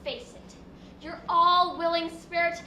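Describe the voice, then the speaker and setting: A woman's voice: very high-pitched, steady tone, slow, pushed and bright, distant mic, heavily acted. A student actress playing an urgent young woman messenger in a school stage play. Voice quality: urgent, insistent. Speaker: student actor. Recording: echoey hall, faint noise.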